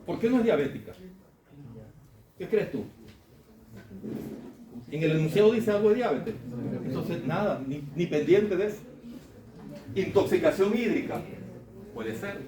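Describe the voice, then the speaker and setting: A man's voice: fairly high pitch, darkish tone. A man lecturing medical students on clinical cases, conversational and often asking the class questions. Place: lecture hall. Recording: echoey classroom, faint room noise.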